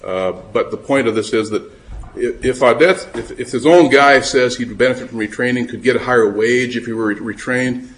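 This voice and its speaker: A man's voice: medium pitch, moderate pace, poor audio. Guy lawyer arguing in court, talks loose, stumbles and restarts a lot. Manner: conversational, restarts often, acts out quoted speech. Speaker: attorney arguing before appeals court. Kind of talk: oral argument in court.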